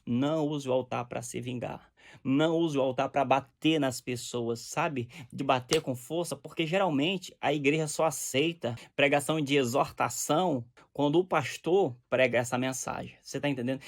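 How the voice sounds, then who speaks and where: A man preaching in a direct, exhorting teaching style, often checking that the listener understands. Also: mid-range voice. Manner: direct, exhorting, often asks "você tá entendendo?".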